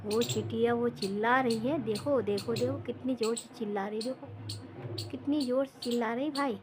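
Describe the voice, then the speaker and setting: A woman's voice: fairly high pitch, steady tone, normal speed, background noise. A woman vlogging a casual tour of her home and garden, repeating herself and talking straight to viewers. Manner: chatty, repeats phrases, talks straight to viewers.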